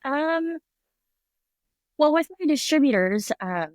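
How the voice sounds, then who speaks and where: Her voice sits high now, slow and expressive, recorded close and dry. This middle-aged restaurant owner, a native English speaker, is a chatty interview guest who laughs a lot and mimics the people in her stories during a casual conversation.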